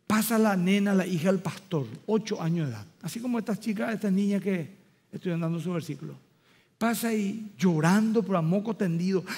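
A middle-aged man delivers a sermon. His voice sits fairly high for a man. He shifts between easy, chatty storytelling and passionate, raised preaching. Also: gravelly. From Paraguay. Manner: builds from conversational storytelling to fervent, loud preaching. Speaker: pastor.

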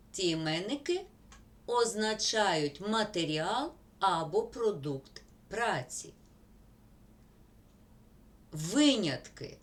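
A woman teacher, slowly dictating word examples in a school grammar lesson. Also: lowish voice.

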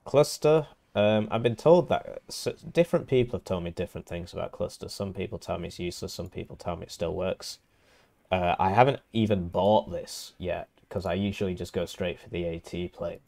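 A man's voice: sits low, brisk, creaky, dark tone. A man with a nasal, congested voice, casually casting and explaining a strategy game match from home. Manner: talks through options, casual and wry. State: congested from illness. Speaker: game caster.

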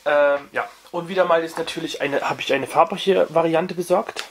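A man's voice: fairly high pitch, steady tone, normal speed, slightly rough. A young man hosting a casual record review, talking off camera with many fillers and restarts. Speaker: vinyl review channel host.

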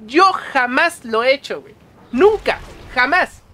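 A man with a Mexican accent reviewing a movie on a casual stream, excitable and full of slang and swearing. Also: very high voice, measured pace.

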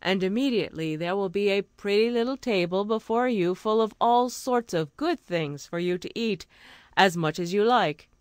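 A woman voicing a kindly wise old woman in a storybook, speaking calmly and reassuringly. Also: mid-range voice, normal speed, smooth, no echo, studio quality, natural voice.

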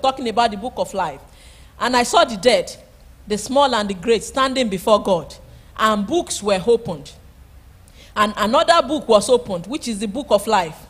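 A middle-aged woman pastor preaching a sermon from a church pulpit, emphatic, repeating key words and calling out praise. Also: a little high. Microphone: handheld microphone.

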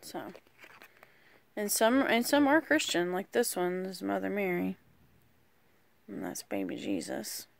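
A woman casually walking through a deck of oracle cards, rambling and hesitant with lots of pauses. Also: mid-range voice, very animated, vocal fry. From rural United States. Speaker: vlogger. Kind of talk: casual card walkthrough.

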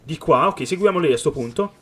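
A man giving excited let's-play commentary on a video game, reading the game's dialogue aloud and talking straight to his viewers. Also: fairly high pitch, fairly quick. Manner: excited, calls viewers "raga" often. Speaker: gaming youtuber.

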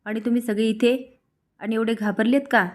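A woman's voice: on the high side, steady tone, normal speed, darkish tone, natural voice. A woman voicing a hot-tempered young man in a plain reading voice. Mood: angry.

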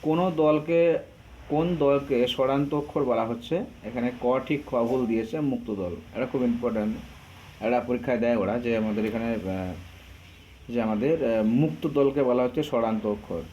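A man teaching an exam-prep grammar lesson, drawing out example words and pausing to hesitate often. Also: medium pitch, dark tone, dull audio, slight background noise. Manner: slow, drawn out over example words, frequent hesitations.

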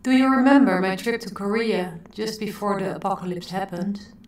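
A woman as a calm, poised artist. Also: medium pitch, moderate pace, natural voice. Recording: roomy echo.

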